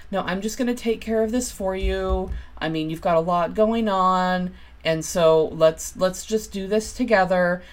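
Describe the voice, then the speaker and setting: Woman, low pitch, earnest, self-help talk, repeats points, frequent ums. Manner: acts out quoted inner voices with livelier, louder delivery. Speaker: podcast host.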